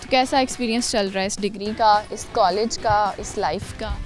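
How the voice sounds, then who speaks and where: A woman's voice: medium pitch, fairly even intonation, normal speed, soft background music. A woman hosting a street interview, asking students friendly, teasing questions. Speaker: street interviewer and show host. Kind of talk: casual on-camera interview.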